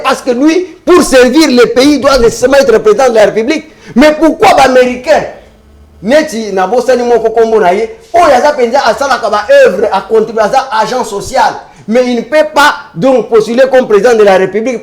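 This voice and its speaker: A man arguing his point in a heated political debate on a talk show, emphatic and repetitive, mixing French with Lingala. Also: sits high. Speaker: debate panelist.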